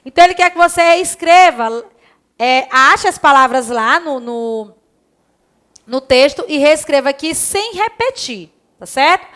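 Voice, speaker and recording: A woman teaching a recorded lesson to young children, reading words slowly and asking and answering questions in the pupils' place. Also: sits high, lively intonation, a bit bright. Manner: slow, stretched-out reading of words and syllables; asks questions in the pupils' voice and answers them herself. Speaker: primary school teacher.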